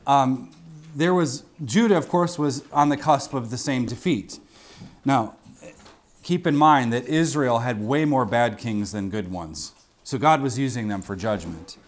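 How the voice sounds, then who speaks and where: A man's voice: mid-range voice, measured pace. A man preaching an expository sermon in a teacherly way, repeating key phrases for emphasis and checking in with his listeners. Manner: didactic, with rhetorical questions and asides to listeners.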